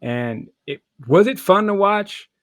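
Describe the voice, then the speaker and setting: A man's voice: high-pitched, lively intonation, takes it slowly, no echo, studio quality. A man co-hosting a sports podcast, giving casual analysis and opinions in loose conversational phrasing. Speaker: podcast co-host.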